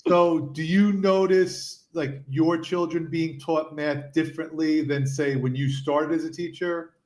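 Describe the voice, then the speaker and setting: A man co-hosting a podcast, asking long, rambling questions in a relaxed, casual way. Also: on the high side, unhurried. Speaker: co-host. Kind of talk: casual interview chat.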